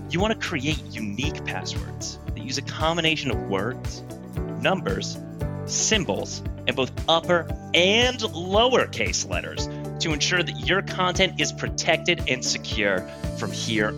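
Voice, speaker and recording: A man with a slightly high voice appears as a comedic podcast guest, improvising polished, emphatic corporate training patter in the manner of a presenter.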